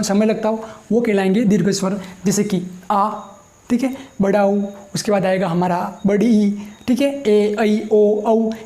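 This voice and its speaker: A male teacher gives a grammar lesson, dictating slowly as he writes, repeating phrases, and answering the questions he asks. His voice is high with a dark tone.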